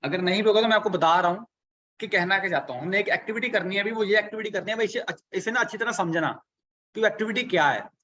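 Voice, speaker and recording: A man's voice: high-pitched, fast talker, sharp tone, highs cut off. A man coaching a live online workshop, asking rhetorical questions and working through sums step by step.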